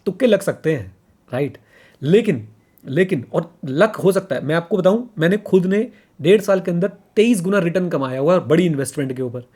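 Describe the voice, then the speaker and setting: A fairly high-pitched man, talking casually as a podcast co-host. He hammers his points home, repeating them, and slips English phrases into his speech. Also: a little mellow.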